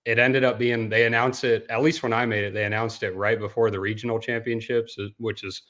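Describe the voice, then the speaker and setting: A young man from Denmark, guest on a casual podcast interview, talking in a relaxed, rambling way and saying dude often. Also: fairly low pitch, a little fast. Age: young adult. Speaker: guest, professional bass angler.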